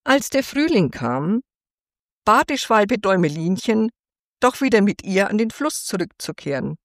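A woman reading a fairy tale aloud for children in a gentle, expressive storytelling manner. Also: medium pitch, unhurried, no room sound, clean studio sound.

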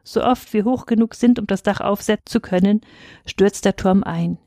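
A woman's voice: medium pitch, normal speed, warm tone, no echo, clean studio sound, lightly acted. A woman voicing a friendly male master builder who talks in a conversational way.

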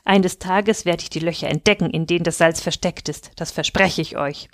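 A woman voicing a suspicious army officer, speaking slowly and threateningly. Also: on the low side, steady tone, no room sound, clean studio sound, close to an everyday voice. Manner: slow, threatening. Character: angry suspicious colonial army officer, man.

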